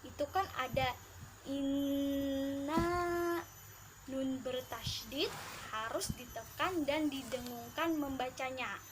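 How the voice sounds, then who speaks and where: A young woman in her twenties, a student teacher giving a children's Quran recitation lesson, slowly repeating sounds for pupils to copy. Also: high-pitched, noisy background. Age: 20s.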